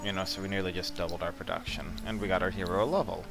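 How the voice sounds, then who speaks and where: A man giving relaxed, blunt commentary while walking through a strategy game, with mildly profane asides. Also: low-pitched, quick pace, vocal fry, over music. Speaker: strategy game guide presenter. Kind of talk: casual gameplay commentary.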